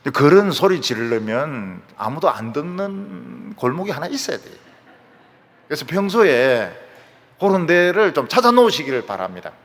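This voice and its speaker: A man pastor preaches a dramatic sermon, swinging from hushed asides to loud outbursts. His voice is high and bright, with a gravelly rasp. It echoes with the long reverb of a church sanctuary. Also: big pitch swings, normal speed.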